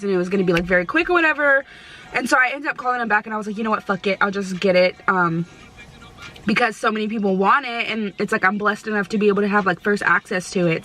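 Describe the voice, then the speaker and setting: A woman's voice: mid-range voice, sharp tone, poor audio. A young woman chatting casually as a vlogger in slangy, sweary, emphatic stoner talk, often repeating herself. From United States. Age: young adult. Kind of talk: casual chat to camera.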